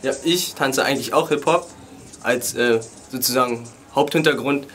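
A 21-year-old man and hip hop dancer, speaking calmly and in a measured way in a casual interview, with occasional fillers. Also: mid-range voice. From Germany. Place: indoors beside a wooden wall. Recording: music playing under the voice.

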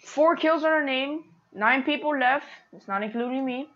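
A woman giving casual, excitable commentary on her own gameplay, talking to her viewers. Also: high voice, normal speed, muffled recording. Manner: chatty, excitable, talks to viewers. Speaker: gaming streamer.

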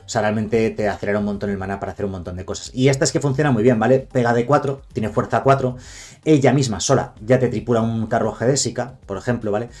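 Fast-talking man from Spain. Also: medium pitch, a little mellow. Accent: Spain Spanish. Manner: fast, chatty, self-correcting, addresses viewers directly. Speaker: card game content creator. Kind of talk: casual deck guide to viewers.

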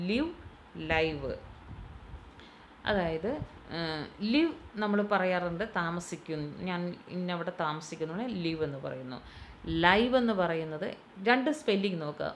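Lower-pitched Malayali woman teaching slowly. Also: a little hiss or hum, rough recording. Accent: Malayali English. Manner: slow, repetitive, spells words out letter by letter. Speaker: instructor. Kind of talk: classroom lesson explaining English pronunciation. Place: training institute classroom.

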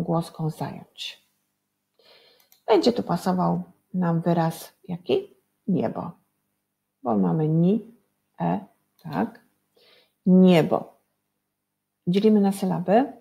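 A woman's voice: lowish voice, vocal fry, warm tone. A woman teacher giving a reading and spelling lesson to young children, patient and drawing out each syllable. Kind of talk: early-school reading lesson.

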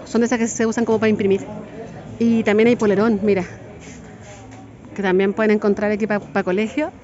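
A middle-aged Chilean woman with a Chilean accent chatting excitedly in a casual shopping vlog, filmed on a handheld phone. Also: a little high. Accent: Chilean Spanish. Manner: chatty, excitable, quick to laugh. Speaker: vlogger. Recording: dull lo-fi phone audio with noise.

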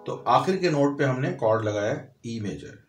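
A man teaches a piano lesson, talking through each note and chord step by step. His voice sits in the middle range and rings in an echoey room, with soft piano in the background. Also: medium pitch, expressive, normal speed. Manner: explains step by step, counting notes aloud. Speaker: music teacher. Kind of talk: piano tutorial.

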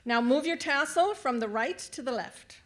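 Woman on a podium mic at a graduation, highish voice, walking grads through the tassel thing. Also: animated, normal speed. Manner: warm, directing the crowd with instructions. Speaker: adult education staff speaker at graduation. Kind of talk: ceremony speech to graduates. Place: large ceremony venue.

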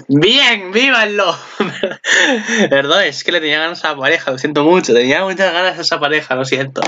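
A man with a Spain Spanish accent giving excited reaction commentary, gushing, swearing and squealing in delight. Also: a little high, moderate pace, highs cut off. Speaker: anime reaction channel host.

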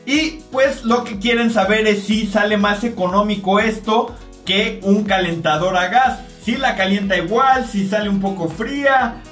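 A man in his thirties with a Mexican accent, testing a product on camera at home with a jokey, excitable manner, talking straight to viewers. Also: extremely high pitch. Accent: Mexican Spanish. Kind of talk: casual on-camera product test. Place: home bathroom and shower, indoors. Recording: roomy, distant, faint music.

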